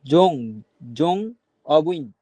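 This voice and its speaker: A man as a student reading aloud in a lesson, halting and repeating words hesitantly. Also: a little high, animated, warm tone, no room sound.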